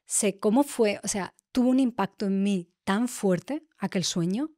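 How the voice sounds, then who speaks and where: A middle-aged woman tells a personal story on a podcast. Her delivery is emotional, heartfelt and halting, with pauses and restarts. Her voice sits at a middle pitch and sounds dry and close. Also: mellow, no room sound. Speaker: podcast host.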